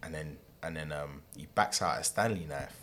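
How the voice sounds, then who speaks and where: A man's voice: very deep voice, moderate pace, fairly bright tone, slight background noise. A young man with a London roadman accent telling a story casually in street slang and acting out who said what. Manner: slangy, acts out reported dialogue. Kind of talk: casual anecdote telling among friends.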